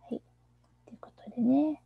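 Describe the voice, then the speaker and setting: A woman teaching a children's English song, explaining softly, often in a near-whisper, and reading the lyrics slowly and deliberately. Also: no echo, narrow, tinny audio. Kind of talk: screen-shared lesson on a children's song.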